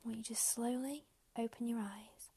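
A woman whispering a slow, soft guided meditation close to the mic, giving calm step-by-step instructions. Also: a little high, slightly rough.

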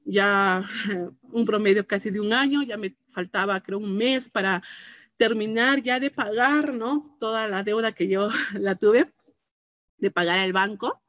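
A woman entrepreneur in business gives an earnest, heartfelt personal testimony, often tagging her phrases with a questioning "¿no?". Her voice is mid-range, unhurried and a bit bright, in a dry recording.

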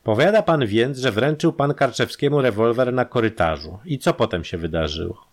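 Detective, male, composed and relentless, measured questioning, read by a male narrator. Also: mid-range voice, animated, voice pushed up, lightly acted. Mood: probing. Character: calm, dry, persistent male police detective.

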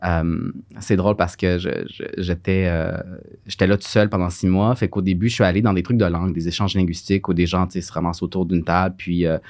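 A man's voice: sits low, steady tone, brisk, a little mellow, dry recording, clean studio sound. A man with a Quebec French accent, co-hosting a podcast and telling stories in a rambling, casual way with many fillers. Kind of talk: casual conversation.

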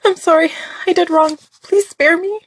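A woman's voice: very high-pitched, steady tone, moderate pace, pitched above the performer's own voice. A woman voicing a terrified pregnant young woman, tearful and desperately pleading in an audio drama story.

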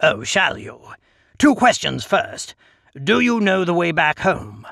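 A man voicing a mischievous, flippant male sorcerer with a thin, high, lively voice and a sarcastic manner. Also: takes it slowly, vocal fry, no echo, clean studio sound, heavily acted. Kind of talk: audiobook character voice.

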